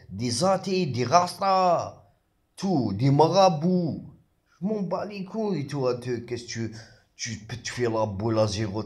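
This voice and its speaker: A man who raps, delivering an agitated, confrontational rant straight at the camera, halting and repeating words, then pushing his voice up sharply when heated. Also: medium pitch, a little mellow. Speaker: rapper. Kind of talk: ranting monologue to camera.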